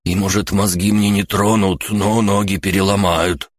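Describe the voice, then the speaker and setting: A man voicing a frightened young male lookout who pleads in a panicky, shrill way. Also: flat delivery, normal speed, no room sound, studio quality, close to an everyday voice. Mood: panicky, pleading.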